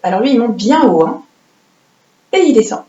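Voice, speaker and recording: A woman teaching young children to write letters, patient and encouraging, dictating slowly and adding playful sound effects. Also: on the high side, expressive, mellow, lo-fi sound. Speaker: primary school teacher. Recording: roomy echoey room.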